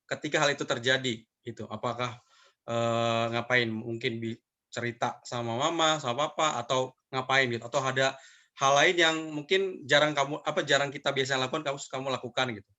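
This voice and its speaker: A man's voice: medium pitch, fairly even intonation, fairly quick, sharp tone. A man hosting an interview who asks rambling, hesitant questions and mixes in English words. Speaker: host. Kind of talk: casual interview.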